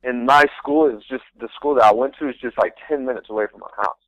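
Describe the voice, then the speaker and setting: On a radio talk show, a young adult man who is a pro soccer rookie tells his story casually, earnest and rambling, frequently restarting sentences. He talks fast at a medium pitch with a fairly bright tone; the audio is dull with no echo.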